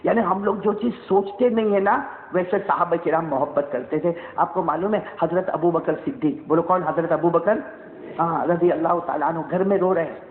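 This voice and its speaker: A man with a Mewati-inflected accent preaching a sermon and telling a story with animation. He calls on the listeners to repeat after him and builds up to shouting. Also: fairly high pitch. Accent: Mewati-inflected Urdu. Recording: echoey hall, tinny lo-fi sound.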